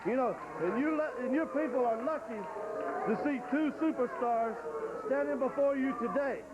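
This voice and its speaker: A man cutting an excitable, rambling wrestling promo, trash-talking a rival. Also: very high-pitched, normal speed. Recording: dull lo-fi 1980s TV audio with hiss.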